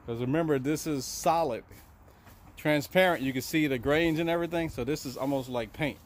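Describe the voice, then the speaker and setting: Man, instructor type, calm on-site narration, outdoor camera mic with steady background noise. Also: a little high, brisk. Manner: relaxed, instructive, gives short directions. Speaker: handyman instructor narrating a job. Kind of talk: casual on-site narration and coaching. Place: outdoors at a house deck.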